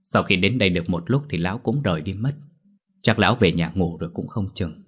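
A man's voice: deep voice, fairly quick. A man doing a fretful older villager. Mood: worried. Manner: rough-spoken, fretful. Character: anxious older male villager.

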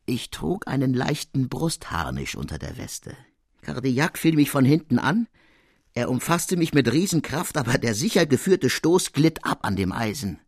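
A proud soldierly count speaks, as a man reads him aloud in a courtly, emphatic audiobook reading. The voice is husky and sits mid-range. The recording is close and dry. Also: mid-range voice, very animated, normal speed, dry recording. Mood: earnest. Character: proud soldierly male count, guards colonel.

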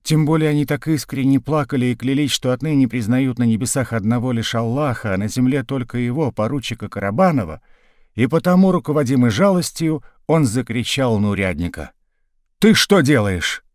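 A man reading a novel aloud as narrator, in a measured storytelling way. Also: mid-range voice, no echo, studio quality. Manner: measured storytelling read, lively in action. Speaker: audiobook narrator. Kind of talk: scripted narration.

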